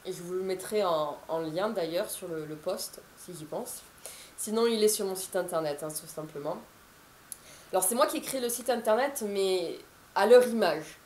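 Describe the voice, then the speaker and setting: A woman's voice: fairly low pitch, moderate pace, darkish tone, reverberant, a little hiss or hum. A woman in her thirties, an author, chatting to camera in a casual, rambling way with many fillers and restarts. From France. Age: 30s.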